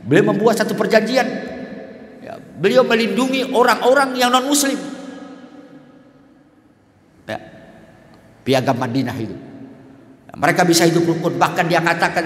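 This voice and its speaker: A man preaching a dawn sermon in a mosque, telling stories with lively voices and often asking the listeners to agree. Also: medium pitch. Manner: lively storytelling, asks listeners "ya kan, ya?". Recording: echoey mosque hall.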